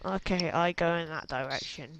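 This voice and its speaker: A man's voice: fairly high pitch, normal speed, creaky, noisy background. A man playing a tabletop game, asking plain, hesitant questions. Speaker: player.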